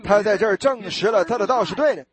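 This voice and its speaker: A man's voice: sits high, fast talker. A man preaching a sermon, retelling a scripture story vividly and acting out its scenes.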